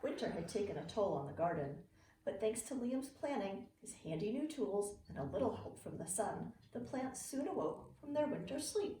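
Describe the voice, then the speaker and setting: With expressive, very animated storytelling and clear phrasing, a middle-aged female early learning teacher reads to her students. Her voice is medium in pitch and moderately paced, recorded from a distance in a roomy space with faint noise.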